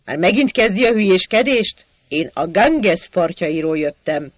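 A man voicing an irritable, exasperated man who breaks into loud outbursts. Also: high voice, animated, no echo.

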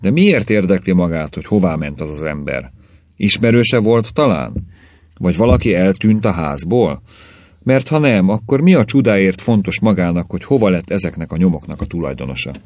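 A man reading aloud as an unruffled police official, low-voiced and dry, laying out his reasoning without fuss. The sound is close and dead, with no room around it. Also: dry recording. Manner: matter-of-fact, dry, calmly explaining.

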